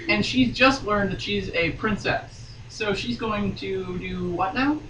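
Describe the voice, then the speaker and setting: Reading slowly in a mid-range voice, a woman on a podcast gives a dramatic rendition of a romance novel, pausing for playful asides delivered with mock drama. Faint noise sits under a dull, roomy sound from a distant microphone.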